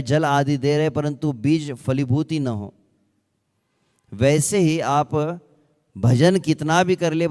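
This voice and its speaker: A man preaching at an unhurried pace, his voice fairly high and smooth. He keeps asking his listeners questions and sometimes draws out verses in a slow chant. His words ring with the long reverb of a large hall. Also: darkish tone. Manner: asks rhetorical questions. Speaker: ISKCON speaker. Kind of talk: Hindi devotional discourse.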